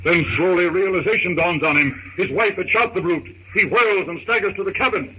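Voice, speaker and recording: A man with a high voice narrates a scripted old-time radio drama at a fairly quick clip. His delivery is dramatic, suspenseful and declamatory, and the recording is muffled and very noisy.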